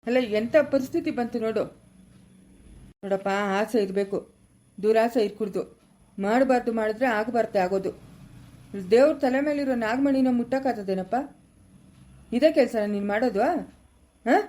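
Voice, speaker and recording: A woman's voice: fairly high pitch, normal speed, pauses often, dark tone. A woman with a Kannada accent from Chikkaballapura, acting in a family drama, scolding and lecturing a young man.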